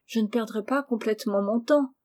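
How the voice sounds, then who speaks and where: Woman narrator doing Mac: frustrated, sulky sick boy, grumbling, mellow voice. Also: on the high side, brisk, natural voice. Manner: sullen, complaining.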